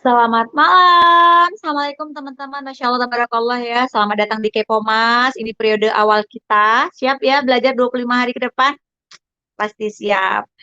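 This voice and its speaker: A woman's voice: fairly high pitch, fairly even intonation, brisk, pushed and bright, clean tone, no echo, highs cut off. A woman diet coach, giving a chatty online class lecture and often addressing listeners as friends.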